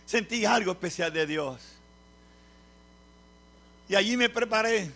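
A Puerto Rican pastor preaching with fervor, his voice pitched high for a man. His tone is bright and forceful, and he repeats his phrases and lets them build. He delivers the sermon in a rising preacher's cadence. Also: measured pace. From Puerto Rico. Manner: fervent preaching, repeats phrases, swells to shouts. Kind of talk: sermon testimony.

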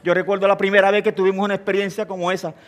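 A man's voice: sits high, racing. An older man preaching a sermon, telling stories with humorous asides and asking his listeners questions. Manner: animated storyteller, humorous asides, asks the congregation questions. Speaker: pastor.

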